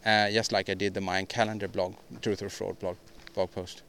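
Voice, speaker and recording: A man's voice: low voice, level tone, normal speed, a bit bright, slight background noise. Male podcast host, solo monologue; rambling, opinionated, frequent restarts and repeats. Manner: opinionated, ranting delivery.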